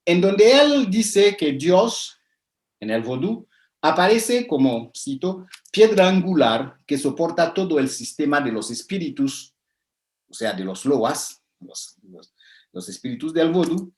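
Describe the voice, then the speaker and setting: A man's voice: on the high side, very animated, measured pace. Hesitant man lecturing in an echoey room. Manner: hesitant, many fillers and restarts, explanatory. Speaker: lecturer on religion. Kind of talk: spoken lecture with slides.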